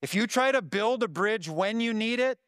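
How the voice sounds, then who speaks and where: A man preaching a sermon in an earnest, conversational way, his voice sometimes jumping up with excitement. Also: sits high, normal speed, smooth, no room sound, clean studio sound. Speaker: pastor.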